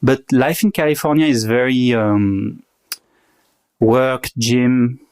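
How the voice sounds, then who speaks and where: A man in his thirties from Paris with a French accent, a guest chatting casually in a relaxed, hesitant way. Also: medium pitch, slow, smooth, no echo. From Paris, France. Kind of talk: casual chat.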